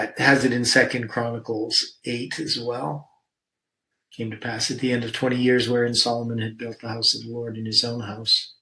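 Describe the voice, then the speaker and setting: A man's voice: medium pitch, vocal fry, pushed and bright, rough recording. A man leading a Bible study discussion, thinking aloud with many fillers and reading scripture verses aloud.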